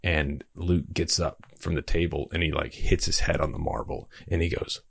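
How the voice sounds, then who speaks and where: Man, very deep voice, dry close sound, lively anecdotes, podcast guest. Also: normal speed, gravelly, slightly rough, no room sound. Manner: animated storyteller, laughs often. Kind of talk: casual podcast conversation.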